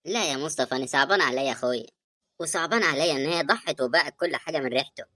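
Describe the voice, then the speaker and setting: A woman voicing a grieving sister in an animated drama, speaking Egyptian Arabic in a tearful, reproachful way. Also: deep voice. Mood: hurt, indignant. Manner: tearful, reproachful, fast talking. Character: grieving woman, hurt and bitter over her dead brother.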